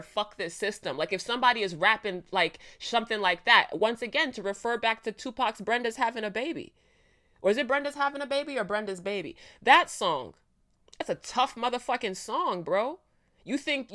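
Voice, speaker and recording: A woman's voice: medium pitch, a bit bright. A woman hosting a reaction video, ranting bluntly and emphatically, with lots of swearing. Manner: blunt, profane, emphatic rant. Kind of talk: casual reaction commentary.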